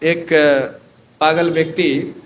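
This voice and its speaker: A male preacher with a high voice tells an animated story during a sermon, often dropping English phrases into his speech. There is faint noise in the background. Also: slow.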